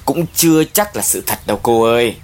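A man's voice: mid-range voice, animated, brisk, darkish tone, natural voice. A man plays a wry older neighbor with dry, sardonic remarks.

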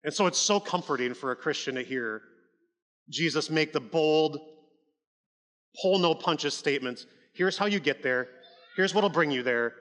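Male pastor, conversational but emphatic sermon delivery, bright tone, long hall reverb. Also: fairly high pitch, moderate pace, pauses often. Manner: conversational, emphatic preaching with frequent "like" and restarts.

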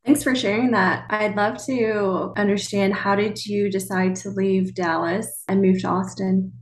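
A woman's voice: mid-range voice, steady tone, unhurried, reverberant, a little hiss or hum. A woman co-hosting a podcast, chatting casually with fillers and restarts. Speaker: podcast co-host.

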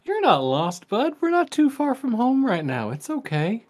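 A man playing the gentle spirit of a farm-raised father in improvised tabletop role-play, with a folksy, fatherly storytelling tone. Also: very high-pitched, wildly swooping pitch, normal speed, pitched above the performer's own voice, exaggerated voice. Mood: reassuring.

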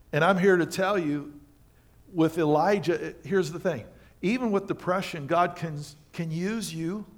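A man preaching a sermon to a congregation, reading scripture aloud and commenting on it, moving between quiet asides and loud emphasis. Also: a little high. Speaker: pastor. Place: church sanctuary.

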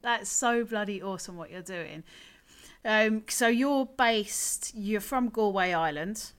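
Woman, middle pitch, podcast host, casual interview chat, informal, rambling. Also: slow, smooth. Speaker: podcast host, former crane operator.

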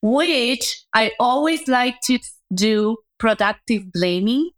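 This woman's voice is on the high side and animated, though her pace is slow. As a guest entrepreneur, she shares her career story reflectively in an interview, often asking "right?".

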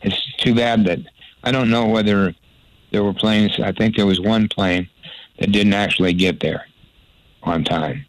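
A man's voice: on the low side, fairly even intonation, measured pace, low-quality recording. An older man, a former sports broadcaster, telling rambling folksy anecdotes in an interview, with frequent restarts. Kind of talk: storytelling interview.

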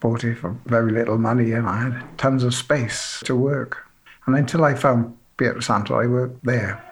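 A man's voice: mid-range voice, fairly even intonation, moderate pace. A man from South Wales, a sculptor, telling his story in a rambling, self-deprecating way with many "you know"s. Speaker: sculptor being interviewed. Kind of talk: relaxed interview storytelling.

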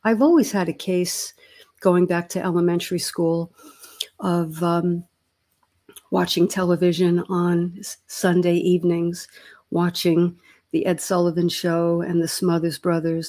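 A woman's voice: on the low side, little pitch movement, a little slow, warm tone. A woman in her sixties, a therapist co-hosting a podcast, talking in a reflective, earnest way and searching for her words. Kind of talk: casual podcast chat.

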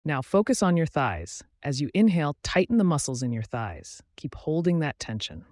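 A man guiding a relaxation meditation in a calm, soothing, measured way, giving instructions with pauses. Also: on the high side, dry recording, clean studio sound. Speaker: meditation guide. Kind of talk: guided relaxation meditation narration.

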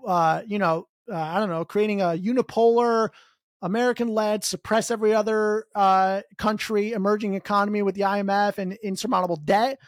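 A man hosting a podcast, delivering a sarcastic political comedy rant that swings between loud outbursts and low mutters. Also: fairly even intonation, brisk, no room sound, studio quality. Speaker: podcast host.

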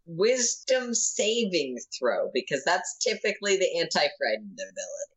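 A woman acting as game master, narrating a tabletop role-playing game in a halting, thinking-aloud way. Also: on the low side, big pitch swings, a bit bright, husky, rough recording.

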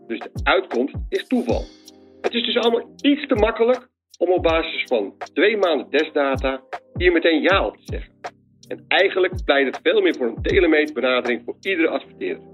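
A man leaving a voicemail message, rattling off industry jargon and questions, heard played back. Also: on the high side. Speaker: media industry caller. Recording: dull lo-fi voicemail with faint music.

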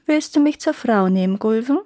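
A woman's voice: fairly high pitch, animated, normal speed, dark tone, no echo, clean studio sound, natural voice. A woman voicing a hideous, scheming old witch who wheedles and threatens. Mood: coaxing.

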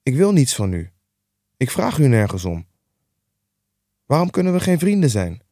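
A man's voice: medium pitch, very animated, normal speed, dark tone, no room sound, voice pushed up. A man voicing a relentlessly cheerful young nephew in an audiobook reading, earnest, upbeat and pleading. The recording is dry and close.

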